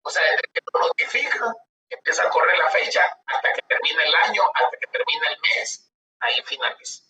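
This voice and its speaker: A man's voice: high voice, very animated, normal speed, pushed and bright. A man lecturing on law, reading legal articles aloud and explaining them in a conversational way, often asking rhetorical questions. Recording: roomy, distant mic with background noise.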